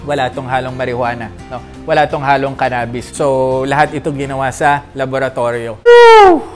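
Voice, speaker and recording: A man's voice: medium pitch, fairly quick, soft background music. A man from the Philippines hosting a casual perfume review vlog, chatty and jokey, constantly checking in with his viewers. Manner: chatty, peppers talk with tag questions; animated, jokey asides.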